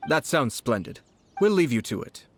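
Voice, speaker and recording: An actor playing a composed, shrewd young nobleman in a video game, speaking in a polite, measured and formal way. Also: medium pitch, very animated, a little hiss or hum, close to an everyday voice. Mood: courteous.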